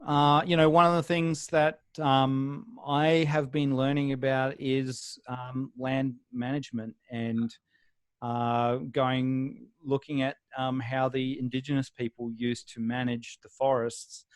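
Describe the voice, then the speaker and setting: An Australian man, a guest on a video call interview, talking in a relaxed, rambling way with many pauses and restarts. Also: mid-range voice, clear, resonant tone, no room sound.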